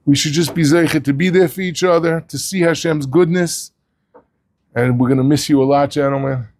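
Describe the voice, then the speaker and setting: Rabbi guy talking torah to his students, fairly high voice, gets really animated on the big points. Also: fairly quick, slight background noise. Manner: animated, voice climbs sharply when stressing a point; sprinkles Hebrew and Yiddish terms. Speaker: rosh yeshiva addressing his students. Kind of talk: weekly Torah talk.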